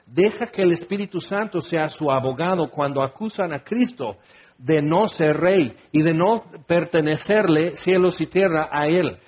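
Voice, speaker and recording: A man preaching a sermon with animated delivery, acting out quoted voices and shouting exclamations. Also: fairly high pitch, unhurried, highs cut off.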